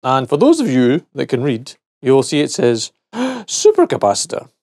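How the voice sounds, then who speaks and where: In a clean studio recording with no echo, a middle-aged man tests and disassembles a gadget, chatty and jokey, muttering to himself as he goes. He speaks at normal speed and medium pitch, with big pitch swings and a slightly mellow tone.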